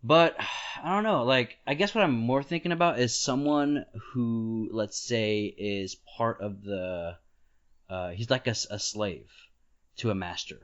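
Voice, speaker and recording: A man's voice: medium pitch, a little slow, fairly bright tone. A man hosting a podcast, explaining ideas in casual chat, talking it through with frequent "like" and "right?" and laughing easily. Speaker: podcast host. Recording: dull lo-fi podcast audio.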